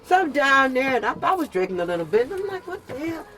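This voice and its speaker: An older woman chatting casually and telling stories in an animated, emphatic way, repeating phrases for comic effect. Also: sits high, quick pace. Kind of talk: casual storytelling chat. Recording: noisy with clear vehicle and street sound.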